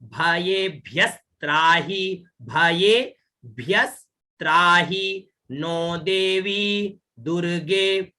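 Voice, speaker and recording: A man teaching Sanskrit verse recitation online, spelling out each syllable slowly and checking "है ना?" after each point. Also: fairly high pitch, bright, forceful tone. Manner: slow, syllable-by-syllable pronunciation drills, checks with "है ना?".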